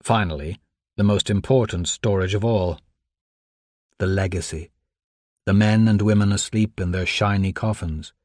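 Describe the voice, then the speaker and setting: Low-voiced man narrating an audiobook. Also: no echo, studio quality. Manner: measured, even storytelling.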